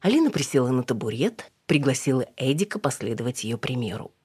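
Low, husky woman narrator, even audiobook reading, dry close sound. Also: a little fast, dry recording. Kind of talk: scripted narration.

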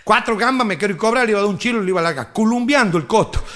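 A man's voice: high-pitched, racing. A man from Tucumán with a Tucumán accent, telling jokes in live stand-up and acting out his characters. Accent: Tucumán Argentine Spanish. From Tucumán, Argentina. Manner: animated storytelling, acting out characters' lines. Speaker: stand-up comedian.

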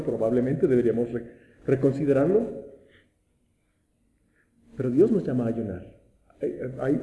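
Male pastor, sermon delivery, dark soft tone, church reverb, self-correcting as he goes. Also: mid-range voice. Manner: asks rhetorical questions, restarts words often. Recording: echoey room.

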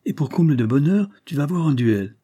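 A man voicing an exuberant young male friend who gushes with excited exclamations. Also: on the high side, fairly quick, slightly rough, voice pushed up.

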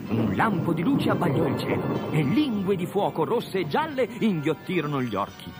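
A man reading a fairy tale aloud in an animated, swooping storybook style. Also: a little high, moderate pace. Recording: music bed behind reading.

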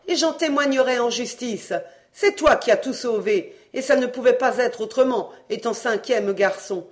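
Give me a loud, high-pitched, bossy mother scolding everyone, as an audiobook reader puts her on. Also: close to an everyday voice. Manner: scolding, commanding, shrill. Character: bossy, loud-mouthed mother of a poor family. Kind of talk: audiobook reading, acted dialogue.

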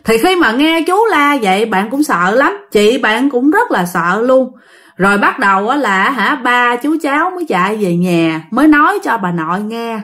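A woman's voice: on the high side, big pitch swings, moderate pace, fairly bright tone. A woman telling a ghost story in a chatty way, speaking straight to her listeners. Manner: chatty, addresses listeners directly.

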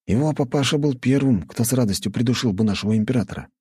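A man's voice: mid-range voice, quick pace, warm tone, slightly rough, no room sound, clean studio sound, voice pushed up. A man reading a cheerful, teasing teenage boy prince, a schoolmate, for an audiobook.

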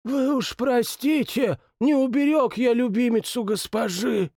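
Wounded, faltering old servant, played by a male narrator; slow and gravelly. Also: very high voice, darkish tone, no room sound, studio quality, voice pushed up, heavily acted. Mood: pained. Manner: faltering, deferential. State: weak, in pain. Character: old wounded male stable groom, humble and weak.

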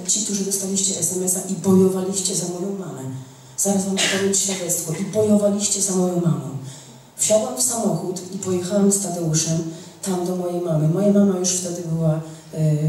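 A woman's voice: medium pitch, mellow, slight background noise. Woman preacher, emphatic sermon, big echoey hall, sounds far from the mic. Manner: emphatic, addresses the congregation directly with repeated "rozumiecie". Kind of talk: charismatic sermon.

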